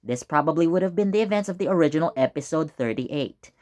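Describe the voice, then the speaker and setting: A man's voice: fairly high pitch, expressive, quick pace, darkish tone. A man talks through a TV episode on his own channel, loose and conversational. He rambles and circles back, with plenty of fillers along the way. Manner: chatty and rambling, with many fillers and self-corrections. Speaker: YouTube channel host reviewing a TV episode. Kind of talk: casual video review.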